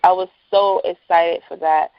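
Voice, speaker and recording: A woman who is a writer and entrepreneur chats casually as the guest in a phone interview. Her lowish voice keeps a fairly even intonation at a moderate pace. The dull, lo-fi phone line carries no room sound.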